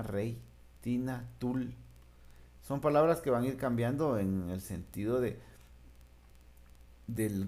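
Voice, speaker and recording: A man's voice: mid-range voice, a little mellow. A man teaching a remote class, patiently explaining and stretching out syllables.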